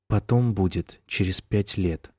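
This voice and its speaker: A man reading the part of a tearful young male student in an audiobook, speaking quietly. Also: low-pitched, unhurried, slightly rough, dry recording, clean studio sound. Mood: sad.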